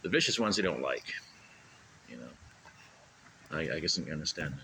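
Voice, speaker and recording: A man's voice: rumbling low, very animated, moderate pace, pushed and bright. A man co-hosting a casual comedy podcast, rambling and stammering through stories and laughing at his own jokes. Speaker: co-host. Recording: noisy room recording.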